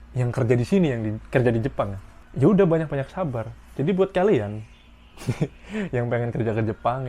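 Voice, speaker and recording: A man's voice: medium pitch, darkish tone. Emphatic young man telling stories in a vlog. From Indonesia. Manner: repetitive, emphatic storytelling addressed to viewers. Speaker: vlogger working in Japan. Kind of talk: casual vlog monologue.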